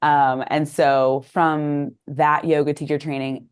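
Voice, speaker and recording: Her voice is deep, slow, clear, and resonant, with a flat delivery. This Texan woman, a business coach guesting on a podcast, reflects chattily on her life story in a casual interview, leaning on the word "like" a lot.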